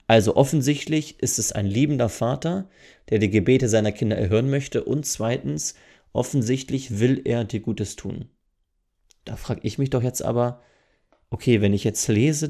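Gravelly northern German preacher. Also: male voice, fairly low pitch, warm tone. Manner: earnest, explains step by step with rhetorical questions. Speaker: preacher and podcast host. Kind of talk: podcast sermon.

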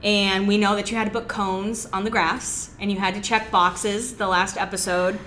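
A woman's voice: medium pitch, steady tone, normal speed, fairly bright tone. A woman hosting a casual interview, asking questions in a conversational style. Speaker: interviewer, podcast host. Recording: faint background noise.

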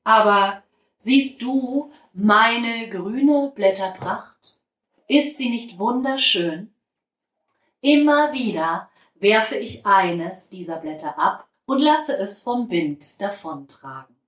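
A woman voicing a big old talking tree in a storybook, deep-voiced, calm and friendly. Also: slow pace, echoey room. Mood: gentle. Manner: gentle, friendly and patient.

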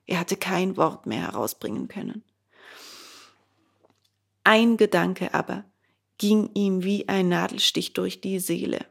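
A woman reads a children's storybook aloud at an even, steady pace. Her voice is mid-pitched and carries a noticeable gravelly fry at the ends of phrases. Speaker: narrator. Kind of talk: storybook reading.

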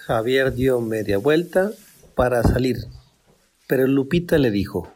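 A man narrating a radio drama. His voice is husky and his storytelling plain. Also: medium pitch, animated, measured pace, darkish tone. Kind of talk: scripted narration.

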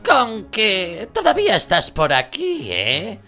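A male narrator voicing a loud, bossy middle-aged aunt who bellows and scolds in a harsh, scornful way in an audiobook. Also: wildly swooping pitch, moderate pace, creaky, soft background music, full character voice. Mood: scornful scolding. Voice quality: booming, bellowing. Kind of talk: audiobook character voice.

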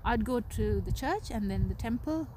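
A woman's voice: a little high, animated, moderate pace. A woman from Sri Lanka being interviewed, talking about her upbringing with plenty of fillers and restarts. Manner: warm storytelling with many fillers and restarts. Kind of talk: casual interview chat. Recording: noisy background.

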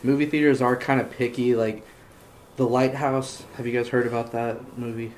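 A man's voice: mid-range voice, little pitch movement, normal speed, a little mellow. Host, male, casual talker, laughs a lot, garage recording with light hiss. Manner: chatty, laughs often, leans on filler "like". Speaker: podcast host. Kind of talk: casual chat about movies. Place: home garage. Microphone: handheld audio recorder.

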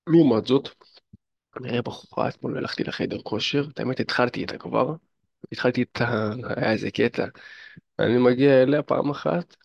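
Guy with a gravelly voice coaching the viewer on dating, chatty, lots of fillers, dull dry lo-fi audio. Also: mid-range voice, darkish tone, dry recording. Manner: chatty, addresses listener directly, many fillers. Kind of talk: casual advice monologue to camera.

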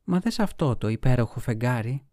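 A man voicing a languid, secretive young noblewoman in a storybook reading, with soft, sighing delivery. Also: medium pitch, expressive, no room sound, clean studio sound, lightly acted.

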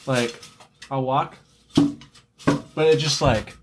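A man's voice: medium pitch, fairly even intonation, takes it slowly, noisy background. A man co-hosting a casual podcast, telling loose, profane stories over beers and acting out what people said. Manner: loose storytelling, swears, acts out quoted voices. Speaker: podcast co-host.

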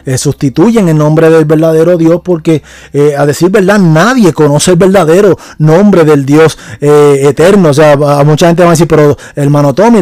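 A man with a somewhat high, mellow voice teaches scripture on a podcast, unscripted and full of hesitations and restarts. He often stops to check that his listeners agree. The sound is dry and close. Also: no echo. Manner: keeps asking for agreement.

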